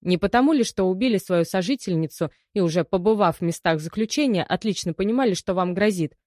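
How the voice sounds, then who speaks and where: A woman's voice: medium pitch, lively intonation, fast, darkish tone, no room sound, clean studio sound, natural voice. Brief: woman voicing a stern woman investigator, raised and firm, storybook. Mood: firm questioning.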